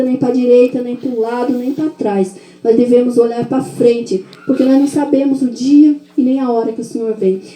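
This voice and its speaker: A woman's voice: sits high, mellow. Fervent woman preaching in an echoey hall. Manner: fervent, repetitive preaching cadence. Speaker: church speaker giving testimony. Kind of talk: sermon testimony.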